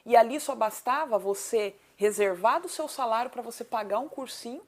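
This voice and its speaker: Her voice fairly high and her speed normal, a Paraná-born woman of 38 talks as a guest in an interview about her city council candidacy. She has a southern Brazilian accent and leans on emphasis, repeated points, and rhetorical questions in a conversational way.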